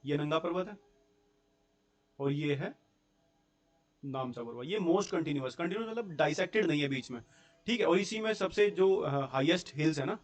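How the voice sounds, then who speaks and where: A man's voice: on the high side, expressive, normal speed, long pauses. A young man teaching a school geography class, explaining step by step in a mix of Hindi and English terms and checking in with his students. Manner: explains step by step, often checks in with "theek hai" and rhetorical questions.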